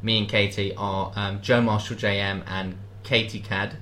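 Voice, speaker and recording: A British man co-hosting a casual podcast, joking and cheeky in a fast, chatty way. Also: lowish voice, level tone, pushed and bright, a little hiss or hum. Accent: British English. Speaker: podcast co-host. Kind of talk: casual chat.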